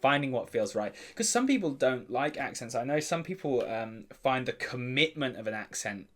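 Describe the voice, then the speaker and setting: A man co-hosting a casual tabletop games chat, enthusiastic and quick to agree. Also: mid-range voice, big pitch swings, fairly bright tone. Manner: enthusiastic, agrees often, acts out quotes. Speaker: podcast co-host.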